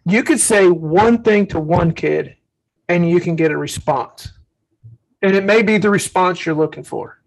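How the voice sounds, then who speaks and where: On a faith-based parenting podcast, this co-host speaks with a high, creaky voice at a measured pace over poor audio. Earnest in tone, he draws on his experiences as a dad, performing the lines he quotes as he tells his stories.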